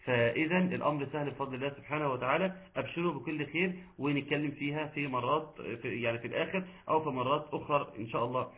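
A man with an Egyptian accent teaching Quran recitation in an online lesson, chatting with the class, quizzing them and chanting verses slowly. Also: mid-range voice. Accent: Egyptian Arabic. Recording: tinny phone-like line.

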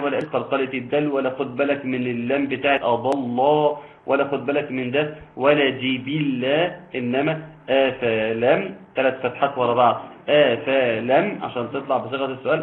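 A man with an Egyptian Arabic accent teaching an online tajweed lesson, talking briskly in explanations and reciting verses slowly in a chanting voice. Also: mid-range voice, flat delivery. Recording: tinny phone-like line, faint noise.

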